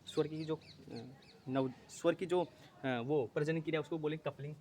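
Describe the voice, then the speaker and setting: A man with a somewhat raised pitch teaches an exam-prep lesson. He drills each term by asking a question and answering it himself, stopping often to correct his slips. Faint background noise runs under his voice. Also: steady tone, normal speed, a little mellow. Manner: repetitive, asks and answers own questions.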